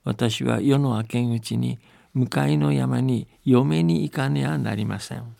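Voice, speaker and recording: A man's voice: mid-range voice, measured pace, vocal fry, mellow, no echo. A man doing a pleading fox girl. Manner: polite, pleading. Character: fox disguised as a pleading young bride.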